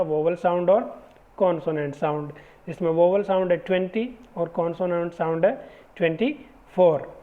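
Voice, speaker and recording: A teacher giving a phonetics lesson, explaining step by step and repeating each example word slowly. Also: medium pitch. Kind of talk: exam-prep phonetics lesson. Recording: tinny phone-like audio.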